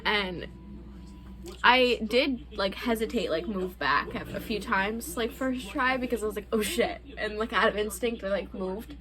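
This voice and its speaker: A woman's voice: mid-range voice, moderate pace, poor audio. A young adult woman hosting a casual couple's Q&A vlog, chatting candidly with loose, profane phrasing. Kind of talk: casual chat.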